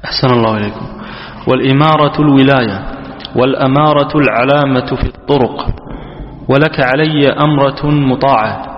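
A man's voice: mid-range voice, a little fast. A man reading a classical text aloud, formally and steadily, for his teacher. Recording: dull, echoey hall.

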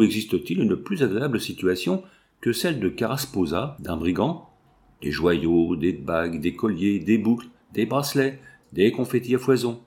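A man's voice: on the low side, darkish tone. A man voicing a coarse, mocking male brigand sentry in an audiobook. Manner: mocking, crude cackle.

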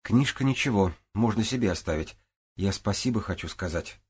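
A man's voice: lowish voice, expressive, normal speed, slightly rough. A man voicing a tart young woman. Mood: earnest. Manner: pleading, tart. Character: sharp-tongued young woman, pleading.

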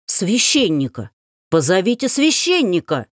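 A woman's voice: mid-range voice, big pitch swings, measured pace, no echo, studio quality. A woman reading an audiobook, voicing a frightened young nobleman who pleads in panic with a cracking voice. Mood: panicked. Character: frightened young male dandy begging forgiveness.

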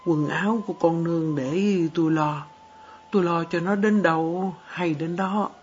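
A woman voicing a tender, worried elderly grandfather, speaking softly and slowly. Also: fairly low pitch, fairly even intonation, slight background noise, voice pushed down, natural voice. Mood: soothing. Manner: soft, slow, soothing. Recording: dull lo-fi audiobook with faint music.

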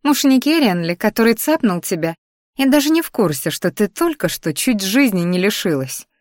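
A woman voicing a chatty, teasing inner voice in a story, pitched up high and squeaky. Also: very animated, moderate pace, darkish tone, no room sound, studio quality, close to an everyday voice. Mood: scoffing.

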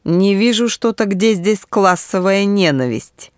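A self-assured male thinker, read by a woman narrator, argues in an even, patient tone. The audiobook voice is dry and close. Nothing in it sounds forced. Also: mid-range voice, a little slow, clean tone, dry recording, close to an everyday voice. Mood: calm, reasoning. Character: earnest confident male socialist thinker, calm debater. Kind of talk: audiobook reading.

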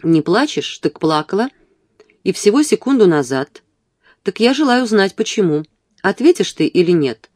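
In an audiobook, a rough drunken gentleman, put on by the reader, bellows and curses at everyone around him. The voice is bullying and coarse, recorded dry and close. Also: medium pitch, very animated, normal speed, dry recording, lightly acted.

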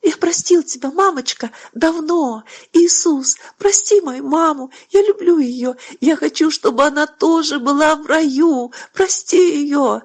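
A woman voicing a devout young boy in a read-aloud story, pitched up and eager. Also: measured pace, few pauses. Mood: pleading. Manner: eager, pleading child voice.

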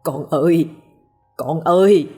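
A woman's voice: low voice, slow pace, mellow, slightly rough, faint music behind, exaggerated voice. A woman voicing a frightened old village father who pleads and wails over his son. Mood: pleading. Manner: pleading, wailing.

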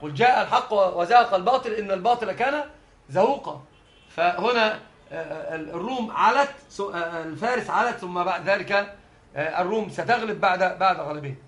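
A man's voice: sits high, fairly quick, a bit bright. A man teaching a scholarly religious lesson, explaining the text step by step. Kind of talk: scholarly lesson on Quran readings.

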